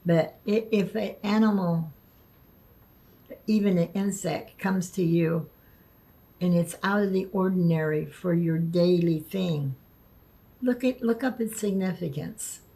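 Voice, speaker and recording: A woman vlogging casually, speaking haltingly and stumbling over words, with the lisping, slurred sound of missing front teeth. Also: fairly low pitch, gravelly, mellow, low-quality recording. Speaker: video creator. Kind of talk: casual spoken vlog, partly reading aloud.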